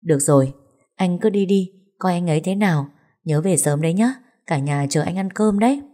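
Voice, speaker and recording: A woman reading the lines of an understanding young wife who lets her husband go out, in a low, mellow voice. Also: normal speed, natural voice. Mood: gentle.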